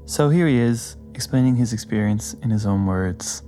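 A man's voice: medium pitch, normal speed, mellow. A man hosting a podcast, giving a scripted introduction over spooky music. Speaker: podcast host. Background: spooky background music.

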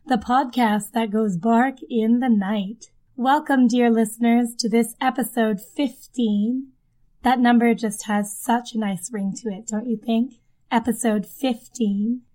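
Chatty lady podcast host, kinda high voice, talking into her mic under a blanket fort at home. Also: steady tone, unhurried, mellow, rough recording. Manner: chatty, circles back and repeats phrases. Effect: recorded under a blanket fort. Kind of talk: casual podcast storytelling. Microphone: desk microphone under a blanket.

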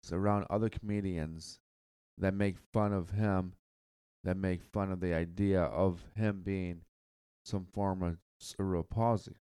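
A man hosting a solo podcast, talking casually in a halting way, repeating words and stuttering now and then. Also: deep voice, a little mellow, clean tone, no echo, studio quality. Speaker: podcast host.

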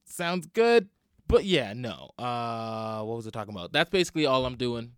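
Man, casual podcast comedian, swollen split lip, tired and hungover, rambling, self-deprecating, sweary, medium pitch, clear tone, dry sound. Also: expressive, a little fast, dry recording. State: swollen, bruised upper lip. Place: at home in a basement.

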